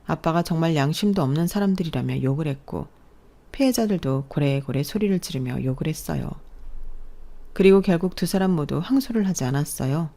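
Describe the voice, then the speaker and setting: A woman narrating a scripted story in the first person, calm, with a cutting edge in her confrontation lines. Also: low-pitched, fairly quick.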